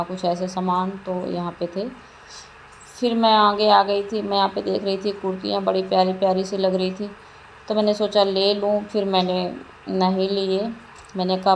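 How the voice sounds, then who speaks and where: Flat-voiced woman chatting through a vlog. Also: mid-range voice, rough recording. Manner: rambling, repeats herself while narrating a shopping trip. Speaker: vlogger. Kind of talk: casual vlog narration. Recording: faint background noise.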